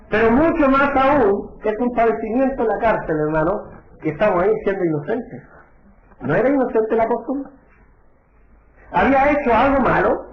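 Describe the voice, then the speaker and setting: High-voiced preaching man, echoey lo-fi. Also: slight background noise. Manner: preaching with rhetorical questions, addressing listeners as brother. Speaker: pastor. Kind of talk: sermon. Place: church. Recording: echoey, dull lo-fi church recording.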